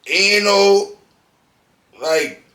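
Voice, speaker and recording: A man's voice: high voice, expressive, extremely slow, sharp tone, far from the mic. A man speaking as a podcast guest, telling blunt, profane stories and acting out quotes in casual conversation. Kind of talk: casual interview chat. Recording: echoey room, off-mic.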